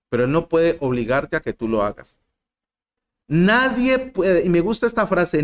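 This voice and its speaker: A man preaching a sermon to a group, asking them questions and swinging between loud emphatic lines and soft low ones. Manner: addresses listeners directly, asks rhetorical questions.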